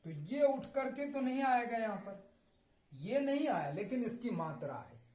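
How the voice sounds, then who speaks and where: A man with a high, animated voice walks learners through letters and how they join into words. He talks slowly and patiently and says every example word again and again. His voice bounces around an echoey room. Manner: slow, repeats each word to drill it. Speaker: Hindi reading teacher. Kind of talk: classroom-style explanation.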